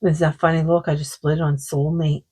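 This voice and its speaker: A woman doing a tarot card reading, talking in a slow, meandering way, her throat sore. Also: low-pitched, little pitch movement, dark tone, husky, poor audio. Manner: slow, meandering, full of likes and you-knows. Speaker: psychic card reader.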